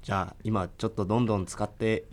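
Eager, lower-voiced male language learner. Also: fairly even intonation, fast. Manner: eager, tries out new phrases. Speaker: learner guest. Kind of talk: casual practice chat.

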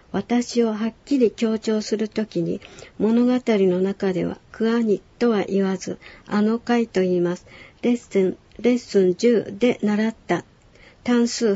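A woman teaching a radio language lesson, calmly explaining words and stories. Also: medium pitch, dry recording, lo-fi sound. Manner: calm explanatory lecturing. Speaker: language instructor.

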